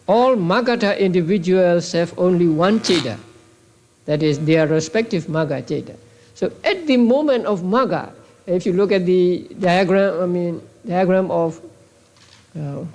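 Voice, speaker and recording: An older man with a Burmese accent, a monk teaching a class, speaking haltingly with many repeats and restarts on an old tape. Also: high voice, darkish tone. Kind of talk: classroom lecture.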